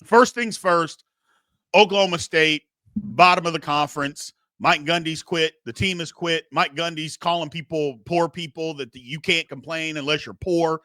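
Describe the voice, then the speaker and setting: Middle aged guy doing sports talk, blunt n opinionated, punchy bright voice, dry close sound, repeats himself. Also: fairly high pitch, fairly even intonation, moderate pace, no echo. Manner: blunt, emphatic, repeats phrases. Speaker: sports show host. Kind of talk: casual, opinionated sports commentary.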